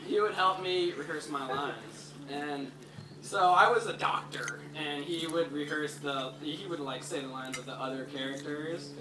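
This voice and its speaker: A man's voice: a little high, unhurried, distant mic. A young man in his twenties giving a best man toast at a wedding, telling rambling stories with lots of "like" fillers. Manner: rambling, storytelling with frequent "like" fillers. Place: large hall at a wedding reception. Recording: echoey hall, chattering crowd.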